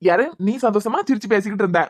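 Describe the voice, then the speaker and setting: A woman's voice: mid-range voice, fast talker, lightly acted. A woman voicing a teasing young husband in a cartoon web series, with a Kanyakumari Tamil accent and a mocking manner.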